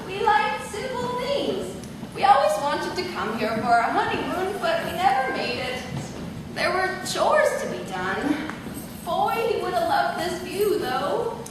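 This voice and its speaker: A woman's voice: very high voice, sing-song, a little slow, exaggerated voice. A woman playing a forgetful, folksy old farm grandmother in a comedic stage play. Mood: wistful. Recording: echoey hall, far mic, loud noise.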